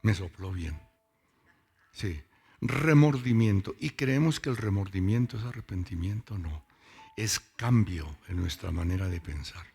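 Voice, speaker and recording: Low gravelly pastor preaching. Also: male voice, lively intonation, unhurried, darkish tone. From Boyacá, Colombia. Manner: conversational, asks the congregation questions. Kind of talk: sermon. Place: church service with congregation.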